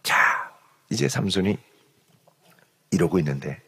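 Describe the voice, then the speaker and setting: A man's voice: low-pitched, unhurried, vocal fry, a little hiss or hum. A male pastor preaching an early-morning sermon, playfully acting out the story as he explains it. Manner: animated, playfully acts out the story. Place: church sanctuary. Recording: long hall reverb.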